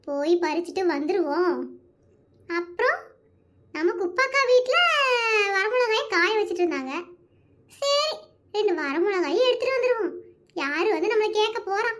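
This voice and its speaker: A sly, scheming village woman whispers her plans in a high, bright voice, as a woman puts her on. She speaks in a conspiratorial hush, the voice of a homespun cartoon schemer. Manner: conspiratorial, drops to a low hush. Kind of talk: cartoon voice acting.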